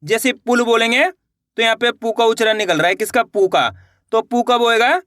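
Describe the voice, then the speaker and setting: Male teacher, Hindi accent from India, step-by-step lesson, bright, dry close sound. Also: very high-pitched, steady tone, normal speed, no echo. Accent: Hindi-speaking India. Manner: repeats words, asks and answers own questions.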